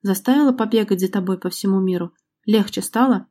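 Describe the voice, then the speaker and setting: A woman's voice: mid-range voice, fairly quick, mellow, natural voice. Woman reading as a bitter, mocking man. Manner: sarcastic, accusing. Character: bitter jilted man, gambler, confrontational. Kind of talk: audiobook reading.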